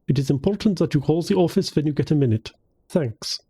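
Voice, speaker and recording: A man voicing a businesslike middle-aged doctor with a thick Russian accent, formal and brisk. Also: fairly high pitch, animated, dark tone, slightly rough.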